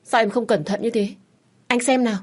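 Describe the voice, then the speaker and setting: Woman reading an attentive young husband in a storybook, gentle and concerned, mellow voice. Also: mid-range voice, steady tone, a little fast, close to an everyday voice. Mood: worried.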